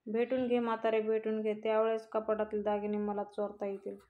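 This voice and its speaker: A woman voicing a scheming, sneering young woman in a flat, monotone reading. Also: mid-range voice, a little fast, lightly acted. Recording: dull lo-fi recording.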